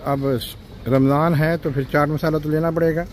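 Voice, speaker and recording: A man with a somewhat high voice vlogs casually while strolling supermarket aisles, speaking at a moderate pace with little rise and fall in pitch. Chatty and courteous, he reads out prices and sprinkles in "ji" and "janab." The shop around him is noisy.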